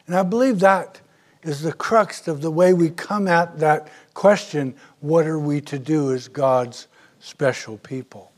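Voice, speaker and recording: A male pastor delivers a sermon in an unhurried, deliberate rhythm. His voice sits a little higher than most men's, and he leans into key phrases with earnest emphasis. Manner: slow, earnest preaching with emphatic rises.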